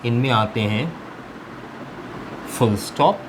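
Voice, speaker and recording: Slow, deliberate male teacher in a noisy room. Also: medium pitch, animated. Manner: slow, deliberate teaching with mixed Hindi-Urdu and English. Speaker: English teacher. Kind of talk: explanatory lesson.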